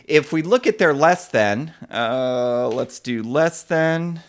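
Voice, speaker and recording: A man's voice: a little high, animated, slow, clear, resonant tone. A man teaching programming on a live stream, talking casually with many fillers and chatting with viewers as he codes. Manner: casual, many fillers, reads chat names aloud. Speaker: programming instructor. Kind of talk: live-coding lesson.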